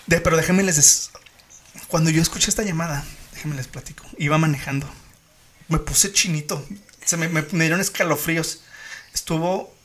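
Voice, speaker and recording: A man's voice: on the high side, moderate pace, fairly bright tone, slight background noise. A man hosting a podcast, retelling a story in a casual, dramatic way. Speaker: podcast host.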